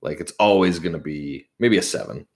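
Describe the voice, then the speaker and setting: A man co-hosting a casual podcast, playful and quick to laugh, asking teasing questions. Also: sits low, animated. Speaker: podcast co-host. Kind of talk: casual chat.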